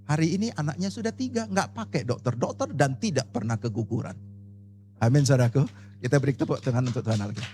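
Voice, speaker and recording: A man preaching an animated, emphatic sermon at a church service, telling a personal story and speaking directly to the congregation. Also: mid-range voice, quick pace, faint music behind. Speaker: pastor.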